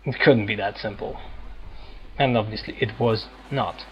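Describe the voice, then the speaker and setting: A gamer commentates casually on a playthrough, musing aloud in short, broken remarks in a lowish, unhurried voice. The audio is dull with a little hiss or hum, and loud video game music plays behind him.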